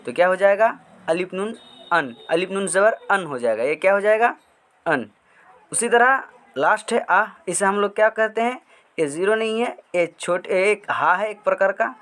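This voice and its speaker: A man's voice: high voice, animated, fairly bright tone. A man teaching Urdu script in a spoken lesson, explaining patiently and asking and answering his own questions. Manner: spells out letters slowly.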